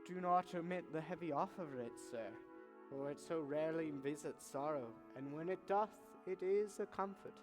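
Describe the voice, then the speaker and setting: A woman playing a sardonic, indolent nobleman in Shakespearean stage style, with theatrical, wry, deliberate delivery. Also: sits low, over music, close to an everyday voice. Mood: puzzled. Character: sardonic, indolent nobleman, slowly drawn into a plot. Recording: echoey stage hall with long reverb.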